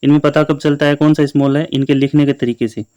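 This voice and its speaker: A male teacher giving a slow, patient lesson on letters to young children, repeating each letter and word many times. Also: a little high, steady tone, a little mellow, no room sound.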